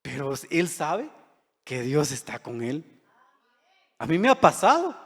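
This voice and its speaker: A man preaches in a church hall, his voice sitting a little high for a man. He talks to the congregation in an earnest, conversational way and asks them questions. Long reverb from the hall trails behind each phrase. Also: big pitch swings, a little slow, husky. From Guatemala. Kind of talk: sermon.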